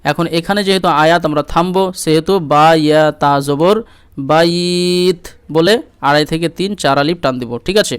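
A man teaching Quran reading, spelling out each syllable slowly, then chanting the verses in long drawn-out recitation. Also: on the high side, clear, resonant tone, dry recording.

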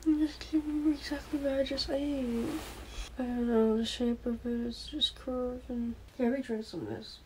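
A woman's voice: a little high, steady tone, normal speed, dark tone, slight background noise, poor audio. A woman sleep talking, in drowsy, disjointed, mumbled phrases that often trail off unfinished.

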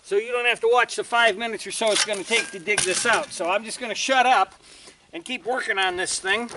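Breathless older man outdoors, high bright voice. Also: brisk, slight background noise. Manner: rambling, folksy, restarts often. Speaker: vlogger. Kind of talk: casual outdoor chat. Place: outdoors on a ranch. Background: roosters crowing.

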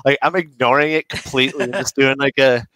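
A man's voice: medium pitch, steady tone, fast, bright, forceful tone, rough recording. A man playing a tabletop game, joking and rambling in character chat. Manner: jokey and rambling. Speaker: player. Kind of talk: casual tabletop play.

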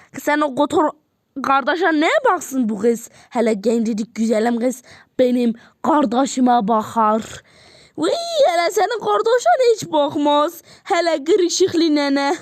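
A woman's voice: high-pitched, unhurried, no echo, clean studio sound. A woman voicing a nosy, blunt middle-aged auntie who bickers and teases in a doll-game role-play. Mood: bickering. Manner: bickering, teasing.

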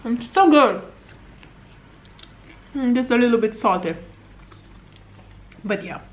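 Her voice is on the high side and expressive, her pace slow, and the recording low-quality. She's a Hungarian-accented native Hungarian speaker from Slovakia in her thirties, a fitness coach chatting casually to a camera on a table at arm's length in her home living room, rambling with fillers and small laughs.

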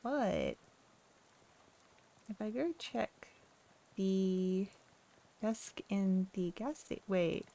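Gravelly-voiced woman playing a game. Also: medium pitch, lively intonation, very slow, long pauses, warm tone. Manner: wry, chatty. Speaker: gamer. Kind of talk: let's play, reading game text aloud.

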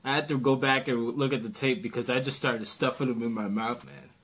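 A man's voice: medium pitch, a little fast. A man in his thirties chatting casually and playfully as he hosts a challenge video at home, picked up by a camera across a table. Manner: excitable, playful. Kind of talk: casual joking vlog chat. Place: small home room, indoors.

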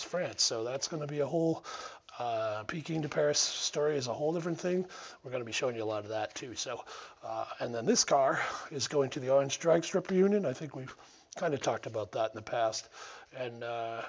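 A man's voice: medium pitch, slightly rough. A middle-aged man hosting a casual shop vlog from a large car restoration garage, talking loosely with lots of fillers into a close action camera. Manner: rambling, many "uh" fillers, easygoing. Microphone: action camera held or mounted close.

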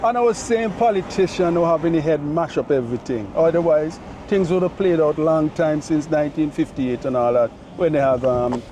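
A man's voice: a little high, a little fast, hardly any pauses, mellow. A middle-aged man with a Caribbean accent chatting casually as a passenger while filming a vlog. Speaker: vlogger and passenger. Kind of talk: casual chat. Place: front seat of a moving car. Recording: clearly audible car road noise.

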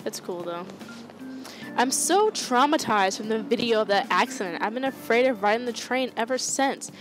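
A woman streamer plays through a game, reading dialogue aloud in a casual, offhand way and dropping the odd curse. Game music plays clearly behind her. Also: a little high, expressive, moderate pace, poor audio. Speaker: gaming streamer. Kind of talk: let's-play commentary, reading game text aloud.

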